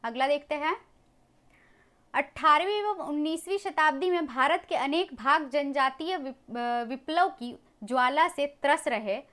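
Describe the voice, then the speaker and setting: A woman teaching a history lesson, briskly working through exam questions and talking to viewers as friends. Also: sits high, a bit bright. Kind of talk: exam MCQ walkthrough lesson.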